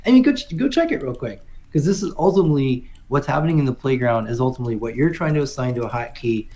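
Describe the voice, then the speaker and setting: A man's voice: medium pitch, lively intonation, fast, dark tone. A man co-hosting a coding session, joking and chiming in with suggestions in casual chat.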